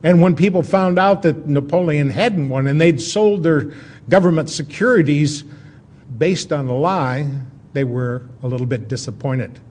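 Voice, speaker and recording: A man giving an informal history lecture as a storyteller, in a folksy, conversational way with dramatic pauses. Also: fairly high pitch, a little mellow.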